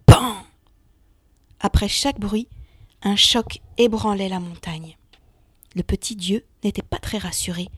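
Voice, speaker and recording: A woman narrating a children's myth story in an expressive reading voice that sinks to a hush in tense moments. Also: mid-range voice, dry recording, clean studio sound.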